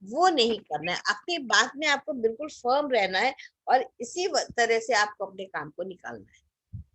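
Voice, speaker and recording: A woman's voice: on the high side, very animated, moderate pace, fairly bright tone, breathy edge, dry recording. A woman leading an online group class over a video call, explaining with everyday examples and putting questions to her group. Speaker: teacher leading a group session. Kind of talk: interactive online class talk.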